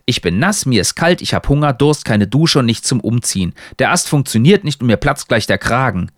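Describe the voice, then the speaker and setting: Man playing a grumpy sarcastic guy, lower voice, lively pitch, dry recording. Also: normal speed, no room sound. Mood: grumbling. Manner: grumbling, sarcastic.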